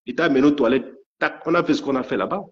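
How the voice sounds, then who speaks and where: A man's voice: mid-range voice, fast talker. A man ranting angrily on a live stream, stammering and repeating his threats. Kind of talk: angry live rant. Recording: dull lo-fi stream audio.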